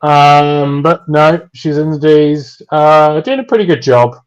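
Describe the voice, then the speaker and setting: A man giving relaxed, dry, chatty live commentary on a race, with many pauses and "um"s. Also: on the high side, clear, resonant tone, poor audio. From United Kingdom.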